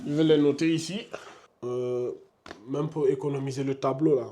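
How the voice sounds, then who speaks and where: A Quran recitation teacher gives a classroom lesson in a room with a board, patiently repeating examples and stretching out each sound as he demonstrates it. His voice is mid-range and dark, with fairly even intonation and a moderate pace, over slight background noise.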